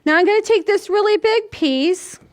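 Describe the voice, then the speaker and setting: A woman in her sixties with a very high voice speaks at a moderate pace as she hosts a children's storytime. Demonstrating as she goes, she gives young children simple, step-by-step instructions in a small, plain indoor room, captured by a camera a few feet off.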